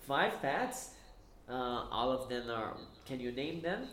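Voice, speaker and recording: A man's voice: mid-range voice, very animated, slow, a bit bright. A man with a Brazilian accent teaching a casual live English class, teasing and laughing often. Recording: echoey room with faint background noise.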